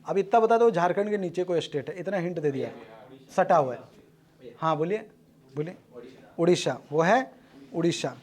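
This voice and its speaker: High-pitched guy teaching a class, fires off quiz questions and calls on students quick. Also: a little mellow. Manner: brisk, repeats answers back, jokes with class.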